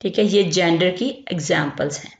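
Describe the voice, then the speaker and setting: A woman from Pakistan teaching a grammar lesson. She explains slowly and keeps checking in as she repeats each term. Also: fairly low pitch. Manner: explains slowly, repeats terms, says "theek hai" often. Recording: lo-fi echoey room.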